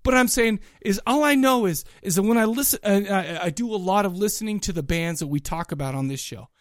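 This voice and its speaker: A man's voice: sits high, animated, a little fast, no echo, clean studio sound. A man chatting casually as a podcast co-host, talking in an enthusiastic, rambling, colloquial way about music. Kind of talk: casual chat, music review.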